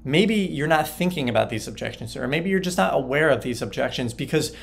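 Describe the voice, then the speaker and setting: A man's voice: a little high, expressive, fairly quick, creaky. A man explaining marketing prompts in a casual tutorial, checking in with "right?" and often restarting his sentences. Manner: conversational, frequent "right?" tags and restarts. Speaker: online marketing teacher.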